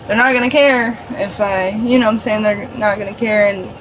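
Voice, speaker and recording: A woman's voice: mid-range voice, fairly even intonation, fairly quick, background noise. A woman in her twenties pleading with police after an arrest, stammering and slurring her words. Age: 20s. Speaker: arrested driver. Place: inside a police car.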